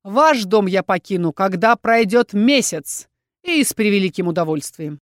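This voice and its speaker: A woman's voice: mid-range voice, animated, normal speed, no echo, studio quality, close to an everyday voice. A woman voicing a haughty, short-tempered male dragon inquisitor who hisses and growls his sarcastic retorts in an audiobook. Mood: angry. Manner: hissing, growling through gritted teeth.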